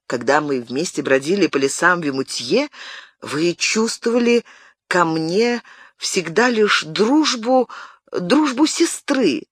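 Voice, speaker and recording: Reader playing a young nobleman, troubled lover, brooding, slow, anguished, dry close sound. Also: high voice, big pitch swings, fairly bright tone, slightly rough, no echo, voice pushed up, exaggerated voice. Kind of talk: audiobook narration.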